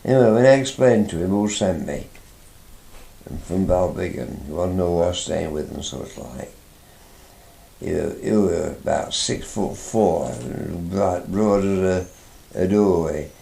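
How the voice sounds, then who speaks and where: A man's voice: deep voice, animated, a little slow, creaky, dark tone, reverberant. An older man from England, telling a rambling, chatty fishing anecdote from his youth, with frequent restarts. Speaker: interviewee, father recalling his youth. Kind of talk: anecdotal storytelling.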